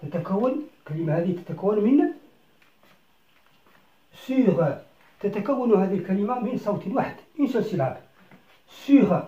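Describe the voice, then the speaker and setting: A French teacher giving a beginner lesson, switching between French and Arabic, speaking slowly and breaking each word into syllables and repeating them. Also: medium pitch, animated, warm tone. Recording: roomy, slightly dull recording.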